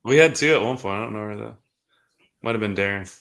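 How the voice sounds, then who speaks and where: Co-host, man, slightly low voice, easygoing and jokey. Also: gravelly, a bit bright. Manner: easygoing, laughs often, halting restarts. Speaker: podcast co-host. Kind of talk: casual watch-party chat.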